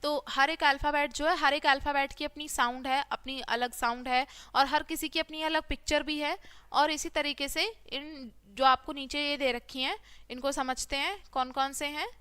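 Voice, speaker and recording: A woman's voice: high-pitched, fairly even intonation, normal speed, fairly bright tone. A woman teacher, giving a phonics lesson to young children and repeating each sound as question and answer.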